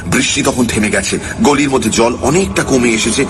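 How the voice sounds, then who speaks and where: A man with a mid-range voice and moderate pace narrates a ghost story in the first person, building suspense with a theatrical delivery. Loud music plays under his voice.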